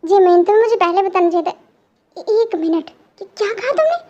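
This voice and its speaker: A woman's voice: very high-pitched, a little fast, warm tone, dull audio. A woman voicing a playful, apologetic young husband who is a police officer, in an amateur fan dub. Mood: coaxing. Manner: coaxing, playful pleading.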